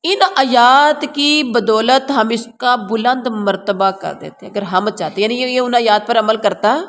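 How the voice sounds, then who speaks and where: A woman teaching a word-by-word translation lesson to a class, explaining, repeating words and quizzing her listeners. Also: fairly high pitch. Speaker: Quran teacher. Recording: long reverb, faint ambient noise.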